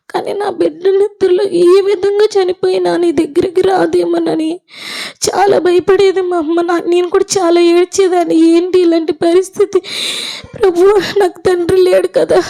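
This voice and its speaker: High-voiced woman giving an earnest testimony. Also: mellow. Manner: emotional, earnest storytelling. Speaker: church member giving a testimony. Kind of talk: personal testimony at a church gathering.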